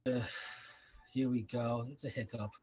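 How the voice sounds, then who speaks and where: A man's voice: medium pitch, level tone, normal speed, warm tone, husky. A man interviewing remotely, his voice faint and cutting in and out over an online call as he prompts casually. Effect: faint, breaking up over an online call, fading in and out. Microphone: video call.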